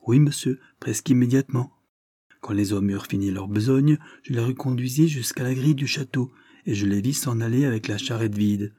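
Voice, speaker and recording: A man's voice: mid-range voice, fairly quick, warm tone, no echo, studio quality, close to an everyday voice. A man voicing a worried, deferential butler who apologizes and protests earnestly. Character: anxious middle-aged male butler, deferential.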